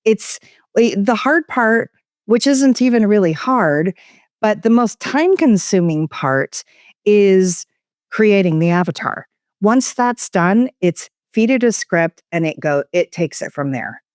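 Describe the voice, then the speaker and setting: Woman, interview guest, expressive varied inflection, smooth clear voice, dry close sound. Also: medium pitch, a little slow, dry recording. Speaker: guest expert. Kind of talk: conversational interview. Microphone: studio microphone.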